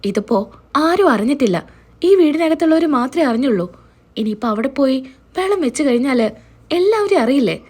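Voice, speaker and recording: An anxious woman bent on keeping the family's shame hidden, read by a woman narrator, urgent and pleading in a high, lively voice. Told as a spoken serial recap. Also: normal speed, long pauses.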